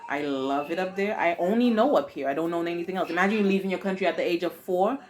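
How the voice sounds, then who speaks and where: Speaking fast with a fairly low pitch, this Haitian-accented woman in her forties chats with her daughter, answering her questions. The conversation is relaxed and lively, punctuated by dramatic exclamations.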